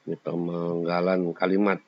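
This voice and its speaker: A man with a low, monotone voice speaks at a moderate pace while teaching a school lesson, going through each point in turn and occasionally singing short examples. It's a classroom lecture, and the recording sounds slightly dull and lo-fi.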